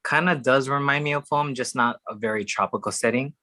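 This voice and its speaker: A young man from Hawaii chats as a podcast guest, warm and talkative, laughing often between thoughts. His voice has a bright, forward edge at a middling pitch. The sound is dry and close. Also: brisk, no echo. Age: young adult. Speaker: guest, drag performer. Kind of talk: casual chat.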